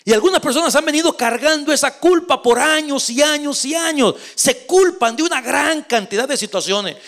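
A man's voice: sits high, a bit bright. A man preaching a sermon, reading scripture aloud and speaking dramatically to the congregation. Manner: dramatic, reads scripture aloud and acts out quotes; addresses the congregation directly.

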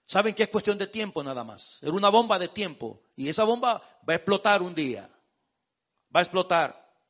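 A man's voice: high voice, animated, a little fast, a bit bright. A male pastor preaching a sermon. He talks conversationally, calls listeners brother, and builds to emphatic outbursts.

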